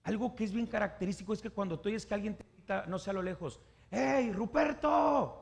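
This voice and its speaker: A male preacher with a raised, high-pitched voice. His tone carries a rough, gravelly fry. He keeps turning to his listeners with questions and acts out the voices of the people in his examples. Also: fairly even intonation, quick pace, darkish tone. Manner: asks the congregation questions and acts out the people he quotes. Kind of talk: sermon.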